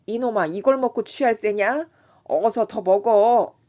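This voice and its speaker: A woman's voice: fairly low pitch, lively intonation, moderate pace, dull audio. A woman voicing a rowdy drunken rickshaw man. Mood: boisterous. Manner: loud, boisterous drunken shouting. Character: rowdy drunken middle-aged male rickshaw puller. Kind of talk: audiobook character voicing.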